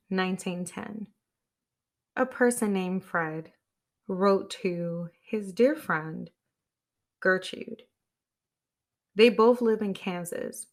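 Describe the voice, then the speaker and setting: A woman podcast host talking on her own to her listeners. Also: medium pitch. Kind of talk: solo podcast talk.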